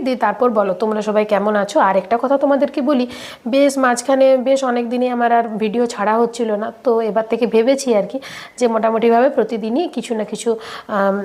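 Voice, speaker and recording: A woman's voice: on the high side, darkish tone. A young woman, narrating her daily-life vlog while she has a cold, chatty and speaking straight to viewers with many fillers. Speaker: vlogger.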